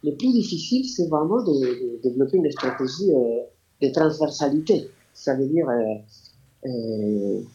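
A man's voice: medium pitch, animated, mellow, a little hiss or hum. Interview guest, male, hesitant and full of fillers, lo-fi sound. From Argentina. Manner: halting, searching for words, many fillers. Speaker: guest, radio project founder. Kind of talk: interview answers. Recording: dull lo-fi sound.

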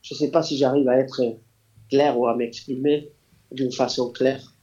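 In a warm, level, mid-range voice, an Argentine man answers questions as an interview guest, explaining that he founded a radio project. His delivery is halting and filler-heavy as he searches for words, over a dull lo-fi recording.

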